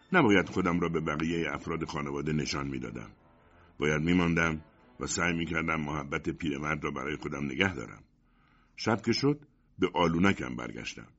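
A man with a very low voice reads a first-person story in a steady, sombre way. The recording sounds dull and lo-fi. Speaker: narrator. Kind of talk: first-person audiobook narration.

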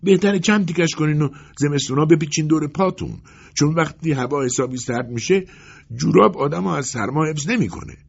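A man voicing a gruff, stubborn older male tailor in an audiobook, with a blunt, matter-of-fact delivery. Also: fairly high pitch, voice pushed up. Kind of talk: audiobook character voice. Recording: dull lo-fi recording.

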